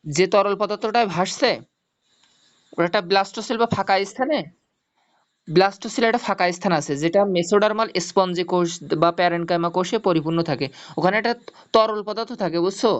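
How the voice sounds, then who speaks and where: A man's voice: high-pitched, fast, clean tone. A male teacher gives an online zoology lesson, explaining step by step, repeating mnemonics and checking that students follow. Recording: dull lo-fi audio.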